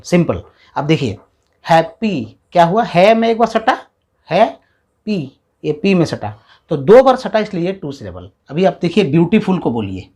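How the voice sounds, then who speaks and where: Guy teaching grammar, voice goes up and down a lot, keeps asking "right?" and sounds out words slow. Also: a little high, darkish tone, husky. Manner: explains step by step, often checks in with "है ना" and "ठीक है"; sounds out syllables slowly. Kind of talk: classroom-style video lesson.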